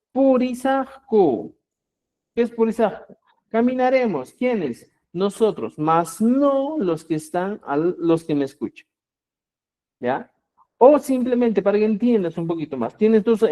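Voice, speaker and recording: Man, language teacher, mellow dark tone, lively swings on examples. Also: high-pitched. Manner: addresses viewers as "estimados amigos", asks "¿ya?" often. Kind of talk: online grammar lesson.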